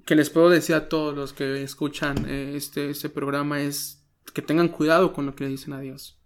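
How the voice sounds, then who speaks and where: A man, a pastor telling an emotional personal testimony in an interview, earnest and halting, often dropping to a hush. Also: a little high, flat delivery, background noise. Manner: earnest, halting, many restarts, drops to a soft voice when quoting prayers.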